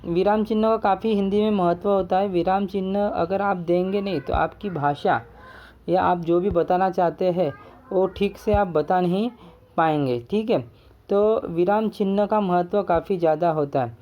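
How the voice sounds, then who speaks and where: At a normal speed, a high-voiced man teaches Hindi grammar in class, patiently breaking things down step by step. He frequently checks in with students and restates points with "ठीक है," all captured in lo-fi sound.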